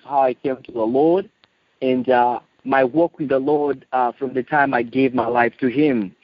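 A man in his late thirties with a Kenyan accent, giving a personal testimony in a halting, earnest way. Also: medium pitch. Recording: muffled, echoey lo-fi phone call.

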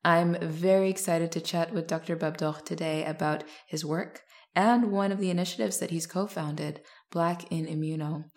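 A woman hosts a science podcast with an upbeat, clear delivery. Her voice sits low for a woman. She reads a scripted introduction before moving into relaxed questions. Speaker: podcast host. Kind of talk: scripted intro then interview.

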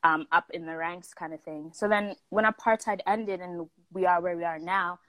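A woman's voice: fairly low pitch, steady tone, moderate pace, fairly bright tone, no room sound. A young woman from South Africa, telling a story in a casual chat with lots of fillers, acting out the people she quotes.

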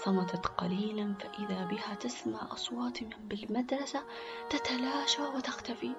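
Children's story narrator: woman, soft half-whisper, higher register. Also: steady tone, normal speed, over music. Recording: dull lo-fi recording.

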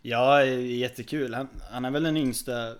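A man's voice: medium pitch, clean tone. Hesitant male podcast co-host. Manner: relaxed, hesitant, many fillers and restarts. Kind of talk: casual tennis podcast chat.

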